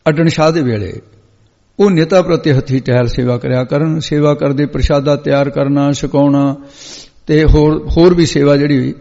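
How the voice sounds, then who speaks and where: A man giving a Sikh katha sermon, telling a story and chanting scripture lines slowly before explaining them. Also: fairly high pitch, fairly even intonation, dark tone. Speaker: Sikh preacher. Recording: echoey hall, dull lo-fi sound.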